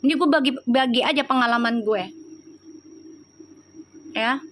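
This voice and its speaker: A woman's voice: high voice, unhurried, a bit bright, a little hiss or hum. A woman with a Betawi Jakarta accent, chatting casually on a live stream as a tarot reader and talking straight to her viewers. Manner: chatty, talks straight to viewers by name, slangy.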